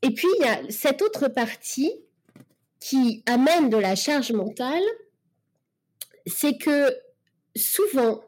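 A woman's voice: high voice, expressive, slow, long pauses, a little mellow. A woman in casual podcast conversation, talking in a reflective, coaching way with many fillers and restarts.

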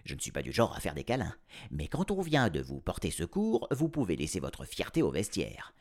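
A man narrating an audiobook in a playful, expressive first-person style. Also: sits low, a little fast. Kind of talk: audiobook storytelling.

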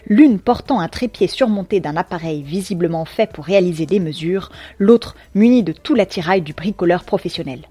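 A woman's voice: lowish voice, lively intonation, normal speed, hardly any pauses, dark tone, slightly rough, dry recording. A woman reading a scripted second-person story with wry, ironic asides and a few slangy touches. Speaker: narrator.

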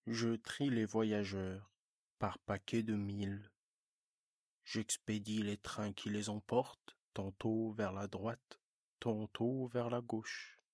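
A weary switchman answers plainly in a bedtime storybook reading, voiced by a man. His tone is fairly low and unhurried, dry and close to the mic. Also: dry recording. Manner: calm, plain, explanatory. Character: matter-of-fact railway switchman, weary.

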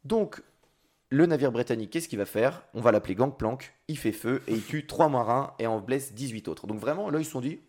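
A man's voice: mid-range voice, animated, fairly quick, darkish tone. Man casually narrating history with jokes. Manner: joking, crude slang, frequent fillers. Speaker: podcast host telling history.

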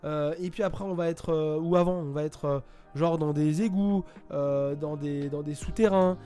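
A man talks through a video game review at his computer, pausing often and restarting his sentences. His voice sits a little high for a man but sounds mellow and soft-edged. Faint music plays behind him. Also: steady tone. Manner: hesitant, many fillers and restarts. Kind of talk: casual spoken game review. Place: home, at a computer.

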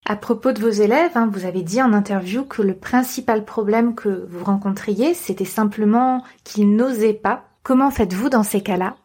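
A woman's voice: medium pitch, moderate pace, few pauses, a little mellow, breathy edge. A woman hosting a podcast, asking formal, polite interview questions. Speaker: podcast host.

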